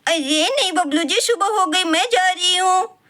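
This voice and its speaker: A woman voicing a busy young wife who talks briskly and scolds. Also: very high voice, noisy background. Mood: bustling.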